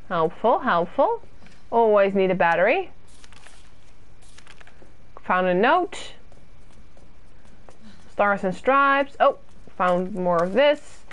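A young woman from the UK, her voice a little high, casually talks to viewers as she streams a horror game indoors in a small room. Chatty and quick to poke fun at herself, she reads the chat aloud and responds. The audio sounds dull.

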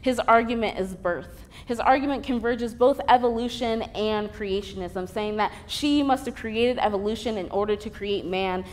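Young woman reading her own essay. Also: on the high side. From Columbus, Ohio. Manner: measured, deliberate reading with vivid emphasis. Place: theater stage. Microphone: stand mic.

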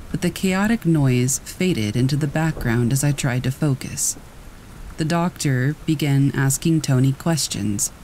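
A man reading first-person scary stories aloud in a steady, measured storytelling voice. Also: on the high side, slight background noise, poor audio. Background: rain.

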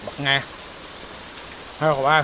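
A man with an Isan accent, vlogging a meal outdoors in the rain, loud and excitable and exclaiming often. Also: slow pace, a little hiss or hum. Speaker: food vlogger. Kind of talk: casual outdoor cooking vlog.

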